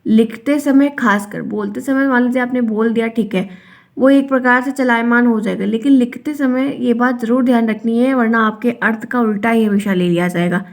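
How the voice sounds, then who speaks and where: Young female teacher, higher register, patient and repetitive explainer for an online lesson. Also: moderate pace. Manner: explains by repeating, acts out example sentences. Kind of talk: online Hindi grammar lesson.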